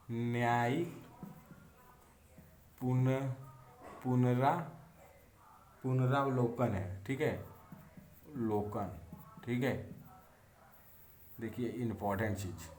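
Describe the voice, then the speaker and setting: A man's voice: medium pitch, darkish tone. A man teaching an exam-prep civics lesson who repeats key terms and keeps asking rhetorical questions. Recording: echoey room, faint background hum.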